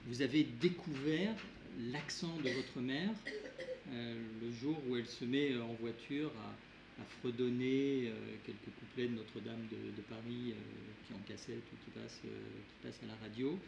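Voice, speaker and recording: Gravelly, hesitant male moderator. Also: medium pitch, fairly even intonation, moderate pace. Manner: hesitant, many fillers and restarts. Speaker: event moderator. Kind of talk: moderating a literary talk. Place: event hall. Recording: echoey room with background noise.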